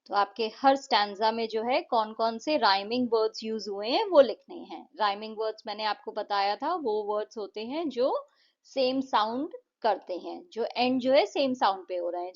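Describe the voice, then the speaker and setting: A fairly high-voiced woman with an Indian accent teaches a classroom-style English lesson. She explains each point simply and patiently, and reads English lines aloud slowly. The recording sounds dull and lo-fi. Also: lively intonation.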